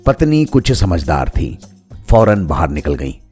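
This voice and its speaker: Low-voiced man telling a humorous story. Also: sing-song, unhurried, a little mellow, faint music behind. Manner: wry, storytelling. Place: home setup.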